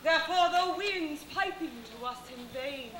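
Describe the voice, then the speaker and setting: A woman's voice: sits high, normal speed, fairly bright tone. A woman playing a proud, scornful fairy queen in hammy, theatrical Shakespearean stage style, projecting and drawing out her words. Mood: grave reproach. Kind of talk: outdoor stage performance of Shakespeare. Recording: echoey, noisy distant outdoor theatre recording.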